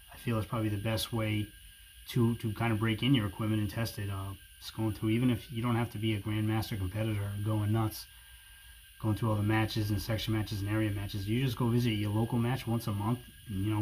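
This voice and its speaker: Low-voiced man with a New England accent. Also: rough recording. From New England, USA. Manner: informal, hedging, conversational. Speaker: firearms review video host. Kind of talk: casual product review talk to viewers. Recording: steady background noise.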